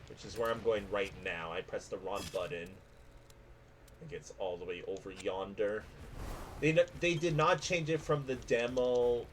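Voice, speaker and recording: A man's voice: fairly low pitch, a little hiss or hum. A man streaming a video game, giving casual live commentary to his chat. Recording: loud game music behind voice. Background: video game music.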